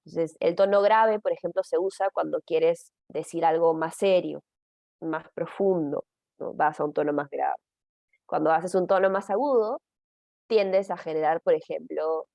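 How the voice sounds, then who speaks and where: A woman's voice: lowish voice, dark tone, no echo. A middle-aged woman explaining a training session in a conversational way, often checking in with her listeners. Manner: conversational, frequent tag questions and fillers. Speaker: teacher trainer.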